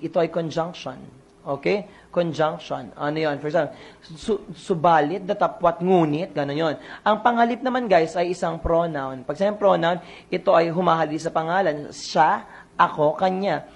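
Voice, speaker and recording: A coach leads an online exam review. The voice has a gravelly, fry-edged texture at a middle pitch. The coach quizzes the listeners and repeats each answer.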